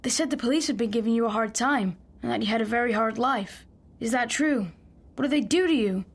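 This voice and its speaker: Brief: actress playing an earnest, chatty little boy, slightly high, bright and polite. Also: fairly quick, husky. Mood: eager. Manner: earnest, full of questions. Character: polite, eager, curious young boy.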